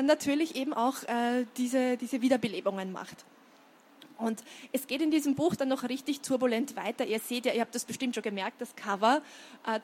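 A woman reading a children's book aloud, then chatting to young listeners about it with many fillers. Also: a little high. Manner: lively storytelling, chatty asides with many fillers.

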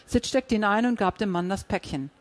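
A reader narrating a crime story in an audiobook, with steady storytelling. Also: male voice, high voice, fairly quick. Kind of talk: scripted narration.

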